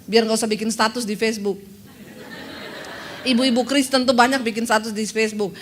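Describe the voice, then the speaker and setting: A woman pastor preaching a sermon, telling a personal story in a lively, chatty way and calling out to the congregation. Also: on the high side, brisk, slight background noise. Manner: lively, chatty, laughs often, calls out to congregation.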